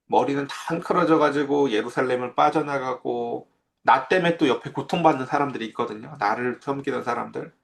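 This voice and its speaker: A man preaching a sermon as pastor, in a conversational way that keeps asking his listeners questions. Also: mid-range voice.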